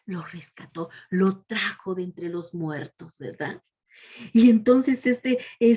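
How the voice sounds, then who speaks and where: A woman teaching a children's Bible lesson as a storyteller. She keeps checking in with a soft "¿verdad?" and sometimes drops to a whisper. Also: on the high side, slightly rough.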